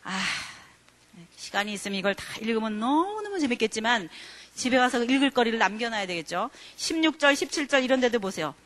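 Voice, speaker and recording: A woman leads a Bible study lecture with a bright, crisp voice. She explains the passage in an easy, conversational way. She keeps putting rhetorical questions to her listeners. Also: on the high side, animated, fairly quick.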